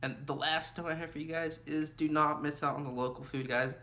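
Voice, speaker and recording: A man's voice: on the high side, steady tone, fairly quick, pushed and bright. A young man vlogging travel advice in a casual, rambling way, full of "you know" and "like". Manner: chatty, lots of fillers like "you know" and "like". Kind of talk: casual travel tips to camera.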